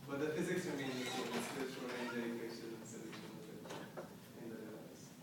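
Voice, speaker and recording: A man's voice: medium pitch, fairly even intonation, a little fast. Young man presenting in a very echoey room. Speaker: PhD candidate presenting a thesis defense. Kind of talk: technical question-and-answer explanation. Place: indoor lecture room. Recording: very echoey room, distant mic, clear noise.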